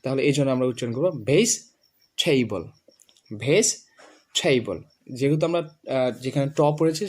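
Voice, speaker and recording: A man with a Bengali accent teaching English pronunciation, drilling words slowly and repeating them for a student. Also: on the high side, a little mellow. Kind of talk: classroom lesson.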